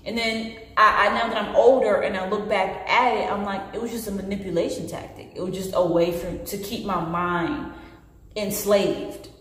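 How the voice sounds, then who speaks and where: This late-twenties woman vlogger speaks candidly and earnestly to the camera at a moderate pace and medium pitch. She is expressive and gestures as she talks, and the bare indoor room gives the recording a very echoey, long reverb.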